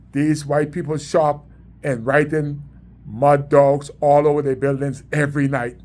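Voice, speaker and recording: A middle-aged Bahamian man with a Bahamian accent, telling community stories in an emphatic, repetitive, preaching way. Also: fairly high pitch. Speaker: community sports organizer. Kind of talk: storytelling monologue.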